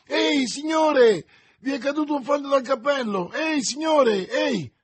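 Man doing a shouting, eager stable boy. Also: very high-pitched, normal speed, voice pushed up.

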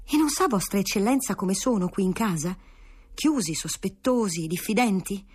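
A woman's voice: mid-range voice, animated, moderate pace, darkish tone, husky. A woman voicing a proud, resentful young nobleman who speaks indignantly in a raised voice.

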